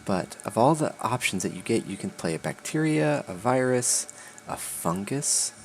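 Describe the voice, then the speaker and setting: A man's voice: fairly low pitch, sing-song, normal speed, creaky. A man hosting a casual game stream, laid-back, reading game text aloud with dry asides. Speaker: channel host. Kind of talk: casual gaming chat.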